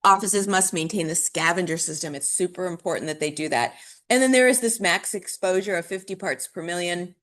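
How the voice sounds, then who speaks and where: Woman instructor, somewhat low voice, chatty lecture delivery, lots of "um" and restarts. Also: a little fast, a bit bright. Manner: conversational, with frequent fillers and restarts. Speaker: dental hygiene instructor. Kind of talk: recorded classroom lecture.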